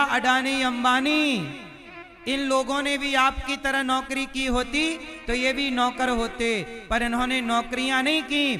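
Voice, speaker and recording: A man giving a devotional sermon to a live crowd, preaching and firing rhetorical questions at his listeners. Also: very high-pitched. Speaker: religious storyteller. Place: live religious gathering. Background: instrumental devotional music.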